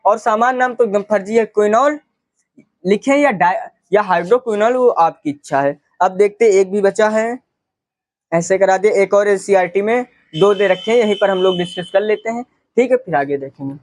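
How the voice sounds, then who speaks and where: A man's voice: high voice, expressive, moderate pace, a little mellow, no echo. A man teaching a chemistry lesson, asking questions and answering them himself, repeating key terms. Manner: repetitive, asks and answers his own questions. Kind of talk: classroom lecture.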